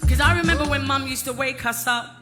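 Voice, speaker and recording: A woman's voice: high-pitched, fast talker, loud music behind the voice. A woman reminiscing in a fond, chatty way. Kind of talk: casual reminiscing.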